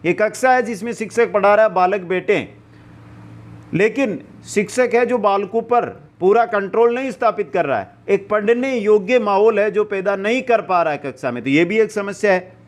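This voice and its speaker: High-voiced Hindi exam-prep teacher. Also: male voice, moderate pace. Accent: Rajasthani Hindi. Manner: explains point by point, asks rhetorical questions.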